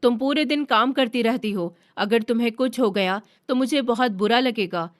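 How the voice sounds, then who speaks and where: Caring young husband, read by a woman; concerned, fairly high. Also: moderate pace, lightly acted. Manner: concerned, pleading.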